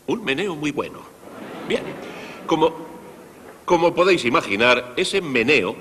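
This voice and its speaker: A man presenting a concert for young people, explaining music to children in a lively, direct way, dubbed in Spanish. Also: lowish voice, in a large hall, a little hiss or hum. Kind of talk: Spanish dub of a televised music lesson.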